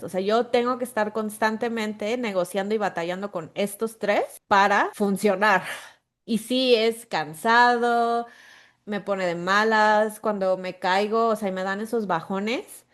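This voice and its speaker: A woman's voice: medium pitch, measured pace. A woman with a Mexican accent talks through her experiences on a podcast with a mid-range voice. She tells stories with energy, acting out the back-and-forth between herself and her brain. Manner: animated storytelling, voices imagined dialogues with her brain. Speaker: podcast co-host. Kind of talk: casual chat.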